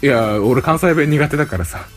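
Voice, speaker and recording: A man's voice: medium pitch, lively intonation, normal speed, faint music behind. A man co-hosting a podcast in casual chat, telling a story and quoting a phone call. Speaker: podcast co-host.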